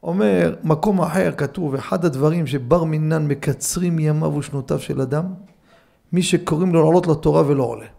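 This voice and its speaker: A middle-aged rabbi with a high, gravelly voice teaches in a study hall. He keeps things lively, acting out little scenes and slipping humor into the lesson. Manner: animated storyteller, acts out scenes with humor. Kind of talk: Torah lesson with anecdotes.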